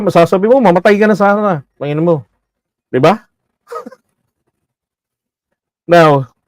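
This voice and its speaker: A man's voice: a little high, dry recording. Blunt, mocking male commentator. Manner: blunt, mocking, laughs often, many fillers. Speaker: political commentator. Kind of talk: casual livestream commentary.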